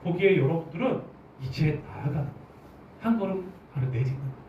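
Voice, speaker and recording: A man preaches to his congregation, his pitch swinging widely as he keeps putting questions to them. He sits a bit high for a man and is picked up from across a large, echoing church hall. The recording is muffled, with a faint murmur of room sound behind him. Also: quick pace, a little hiss or hum. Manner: animated, asks the congregation questions. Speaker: pastor. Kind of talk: sermon. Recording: roomy, distant, dull church recording.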